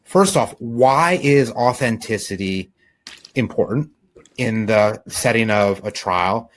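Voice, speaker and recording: A man's voice: on the low side, animated, takes it slowly. A man hosting an interview, friendly and thinking aloud as he frames his questions. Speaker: podcast host.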